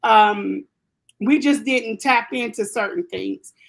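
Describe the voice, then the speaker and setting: A woman who grew up in Germany talks through a personal story as a guest in a casual interview. Her voice sits a little high. She rambles, circling back with fillers and restarts as she goes. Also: slow pace, gravelly.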